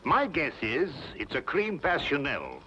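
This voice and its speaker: A man's voice: a little high, wildly swooping pitch, a little slow, bright, forceful tone, a little hiss or hum, heavily acted. An English actor playing a fussy, easily alarmed male doctor and sidekick, protesting properly in an old-time radio drama. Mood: impatient, indignant. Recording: dull old radio recording, music behind.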